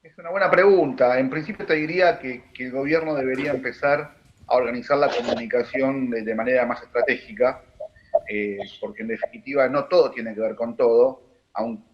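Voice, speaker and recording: A man with a Rioplatense Argentine accent, a political analyst giving measured, analytical answers on a panel, with frequent fillers and restarts. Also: medium pitch, dull audio. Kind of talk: broadcast panel discussion.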